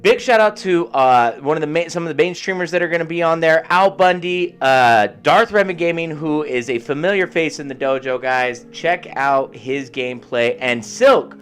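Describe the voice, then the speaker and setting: A man hosting a live gaming stream in casual chat, giving upbeat shout-outs to viewers. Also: fairly high pitch, normal speed, few pauses, smooth, faint music behind.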